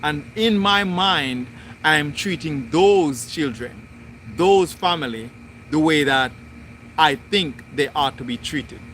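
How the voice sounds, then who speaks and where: A man hosting a spiritual livestream, talking through his thoughts in slow, deliberate, repetitive phrasing. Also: fairly high pitch, animated, fairly bright tone, a little hiss or hum. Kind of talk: reflective spoken monologue.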